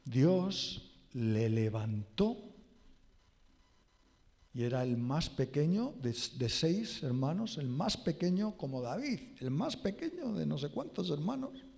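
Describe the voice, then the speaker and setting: A male pastor preaching a sermon and leading a prayer in a slow, emphatic, drawn-out way. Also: very animated, vocal fry, a little mellow. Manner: emphatic, drawn-out preaching with wide pitch swings. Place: church hall. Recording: reverberant church hall.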